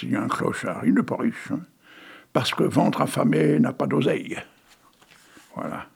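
A man's voice: on the high side, vocal fry, breathy edge. A man hosting a local radio show, reading poems and puns in a rambling, chatty way and chuckling at his own jokes.

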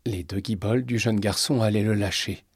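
Brief: a man reading a storybook aloud, steady, low and husky, dry close sound. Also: fairly quick, no echo. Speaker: narrator. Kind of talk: storybook narration.

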